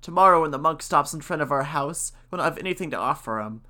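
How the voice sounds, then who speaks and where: A man's voice: a little high, animated, fast, bright, forceful tone. A man voicing a worried, devout old woman who pleads anxiously with her husband in a storybook reading.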